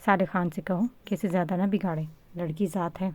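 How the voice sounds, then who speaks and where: Storybook: woman reading bossy sister-in-law, brisk and chiding. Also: on the low side, steady tone, warm tone, lightly acted. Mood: disapproving. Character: bossy older sister-in-law, kind but blunt.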